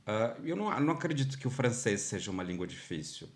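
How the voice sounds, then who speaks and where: Talking fast in a mid-range voice, a Brazilian Portuguese-accented man from Minas Gerais chats as a podcast guest. His casual interview talk is lively storytelling, sprinkled with plenty of fillers like "tipo" and "sabe."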